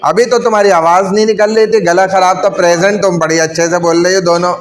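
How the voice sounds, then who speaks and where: A man's voice: high-pitched, fairly even intonation, faint music behind. A male teacher taking attendance, reading out names one by one with brief asides to the class. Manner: slow, deliberate name calling with brief asides.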